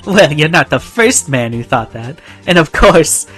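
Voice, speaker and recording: A woman's voice: sits low, expressive, unhurried, fairly bright tone, faint music behind. A woman playing a coy, teasing young witness. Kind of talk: voicing a game character aloud.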